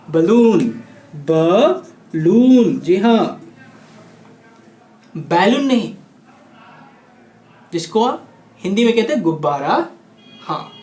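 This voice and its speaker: A man from India teaching spoken English pronunciation, lively, asking and answering his own questions. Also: high voice. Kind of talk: spoken-English lesson in Hindi. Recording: echoey room.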